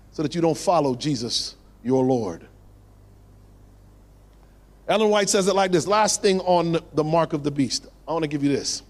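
Male preacher, high voice, dramatic pauses, drops low for emphasis, long hall reverb. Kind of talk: sermon.

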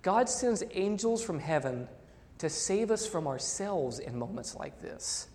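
A male pastor preaching a sermon, reading quotations aloud and swinging between loud emphasis and soft asides. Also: high voice, sing-song, unhurried, big-room sound, a little hiss or hum.

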